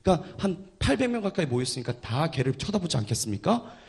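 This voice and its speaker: A man preaching a sermon and telling his story with drama, dropping from loud to hushed. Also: on the high side, sing-song, fast, creaky. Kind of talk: sermon testimony.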